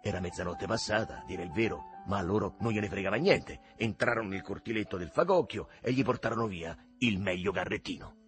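A middle-aged man reading a novel aloud in an expressive storytelling manner, recorded close. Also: on the low side, a little fast, few pauses, soft background music. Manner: expressive, acts out the dialogue. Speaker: narrator.

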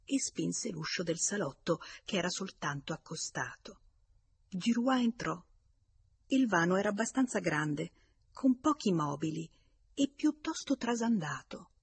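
A woman narrating a classic novel in a steady, measured reading voice. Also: fairly low pitch, creaky, slightly rough, no room sound. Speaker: audiobook narrator. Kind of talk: scripted narration.

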